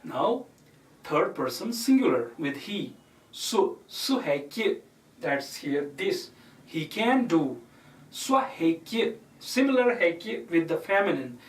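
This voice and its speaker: Slow-talking man. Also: on the high side, big pitch swings. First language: Kashmiri. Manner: repeats each example word by word while explaining. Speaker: language teacher. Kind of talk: recorded language lecture. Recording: roomy echo, mic far off.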